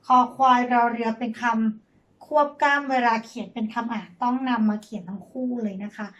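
A woman teacher leading a reading lesson for young children, spelling words out and praising her pupils gently. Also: fairly high pitch, a little fast, highs cut off.

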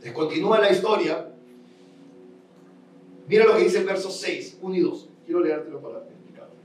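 A man's voice: high voice, normal speed, faint music behind. A male pastor preaching a sermon, retelling a Bible story with acted voices and asking his congregation rhetorical questions with emphatic repetition. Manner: storytelling, acts out voices of the king and Haman. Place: large church sanctuary. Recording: roomy church sound from a distance.

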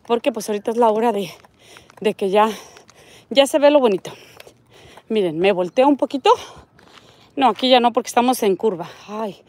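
A woman's voice: on the high side, darkish tone. A middle-aged woman with a Mexican accent, chatting casually on a walking vlog, reading viewer comments and pointing things out, recorded on a phone outdoors on a street. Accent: Mexican Spanish. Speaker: vlogger. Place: outdoors on a residential desert street.

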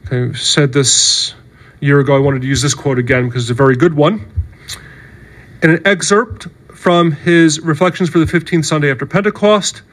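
Man, priest, sermon, somewhat high voice, earnest conversational preaching, church. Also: a bit bright. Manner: earnest, conversational preaching with frequent "right?" and "okay".

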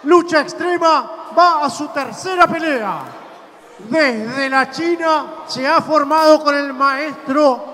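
A man announcing as a lucha libre ring announcer, shouting and stretching out his words. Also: very high voice, in a large hall. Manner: shouted, drawn-out delivery of fighter names. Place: indoor wrestling arena, in the ring. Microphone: handheld microphone.

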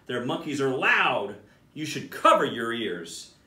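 With a bright, forceful, medium-pitched voice that swings widely in pitch, a man in his thirties or forties speaks at a measured pace as a school principal reading a picture book expressively and addressing children. He's in a small indoor office, recorded by a camera a few feet off, so the sound is distant and echoey.

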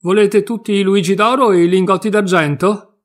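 A man voicing a tiny, bold and cheeky boy hero who shouts and boasts, in a storybook reading. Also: fairly high pitch, lively intonation, normal speed. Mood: bold shouting.

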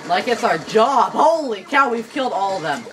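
A man giving casual, excitable play-by-play as he plays a video game, rambling and laughing often. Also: high-pitched, moderate pace, noisy background. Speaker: gaming channel host. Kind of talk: casual gameplay commentary. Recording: game music playing under the voice. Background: video game music.

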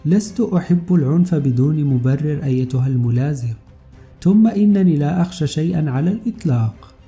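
A man voicing a calm, fearless male intelligence officer in an audiobook story, speaking with quiet, sardonic confidence. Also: a little high, fairly quick, soft background music. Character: calm, fearless male spy hero, mocking.

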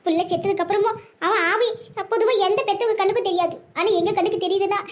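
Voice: very high voice, steady tone, fast talker. A performer voicing a panicky village mother in a cartoon comedy, speaking with a Kanyakumari Tamil accent in a piercing, frantic voice. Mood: tearful.

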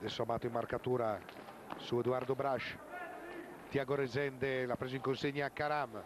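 A man giving live match commentary as a sports commentator, excited and drawing out words at goals. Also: medium pitch, normal speed. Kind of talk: live goal commentary on an Italian roller hockey match. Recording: very noisy sports hall TV broadcast.

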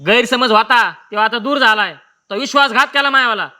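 An actor playing a betrayed rustic husband, speaking in an accusing, scornful way. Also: male voice, extremely high pitch, brisk, bright, forceful tone, clean tone, full character voice. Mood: angry.

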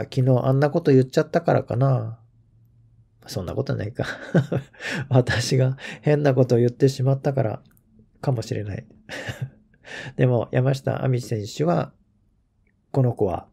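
Gravelly, dark-voiced man chatting casually. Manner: chatty, laughs often, trails off into low murmured asides. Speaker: golf commentary channel host. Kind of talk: casual solo commentary.

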